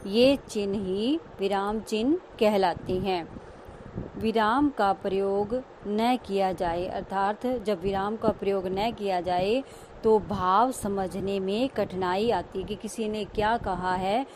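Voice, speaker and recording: Woman teacher, unhurried, patient explainer, faint traffic in background. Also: medium pitch, darkish tone. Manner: slow, explains each term and repeats it. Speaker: school teacher. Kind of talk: online grammar lesson.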